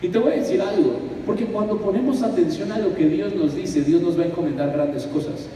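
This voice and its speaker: A man preaching a sermon, lively and conversational, full of rhetorical questions. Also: sits high, brisk, slight background noise. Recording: echoey hall from far off.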